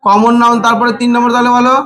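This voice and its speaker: A man with a very high speaking voice teaches a grammar lesson. He quizzes the class and answers his own questions, calls the students "babu", and stretches words out syllable by syllable as he explains. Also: flat delivery, very fast, a bit bright. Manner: asks the class questions and answers them himself. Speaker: English teacher.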